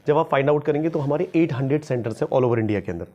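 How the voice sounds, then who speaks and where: Fast-talking man telling his story. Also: on the high side, mellow, muffled recording. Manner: fast-talking, humble, repeats phrases. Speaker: English institute teacher, interviewee. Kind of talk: casual interview.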